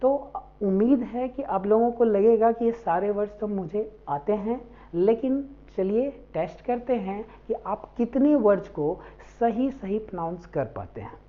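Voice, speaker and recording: A woman's voice: mid-range voice, animated, moderate pace. A woman teaching a spoken English lesson, spelling words out letter by letter and mixing in Hindi. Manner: switches between English and Hindi. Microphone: faulty mic. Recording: dull lo-fi mic.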